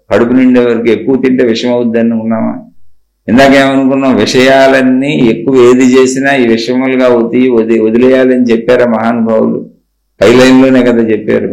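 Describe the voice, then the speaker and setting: A man's voice: medium pitch, creaky, darkish tone. A man giving a spiritual discourse, exhorting his listeners and asking and answering his own rhetorical questions. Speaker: spiritual teacher. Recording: echoey room.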